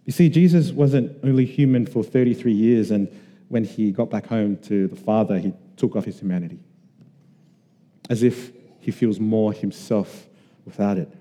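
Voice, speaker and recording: A man from Australia preaches in an earnest, conversational way, slowing for emphatic pauses. His voice is very dark and mellow. The sound rings with the long reverb of a church hall. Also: on the low side. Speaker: pastor. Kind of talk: sermon.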